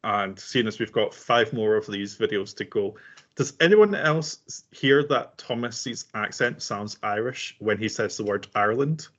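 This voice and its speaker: A man's voice: lowish voice, expressive, unhurried, a bit bright. Playful man on a muffled recording. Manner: playful and teasing, full of ums and uhs. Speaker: co-host reacting to songs. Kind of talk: casual reaction chat.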